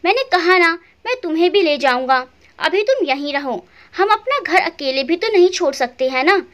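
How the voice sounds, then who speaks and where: A woman's voice: high voice, sing-song, moderate pace, fairly bright tone. A curt, impatient grown son, as a woman reads him. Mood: irritated. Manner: brusque, dismissive.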